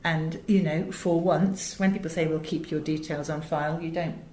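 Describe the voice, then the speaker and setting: A middle-aged woman from England answers interview questions at a moderate pace, her low voice steady and a touch mellow. An audiobook director and producer with a British accent, she keeps things conversational, with emphatic storytelling and many asides. A roomy echo and faint noise color the recording.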